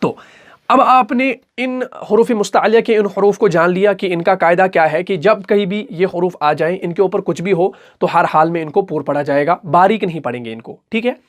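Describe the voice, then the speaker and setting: A man teaching a recitation lesson in an online class. He stretches each example word out slowly and keeps checking in with the listener. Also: sits high.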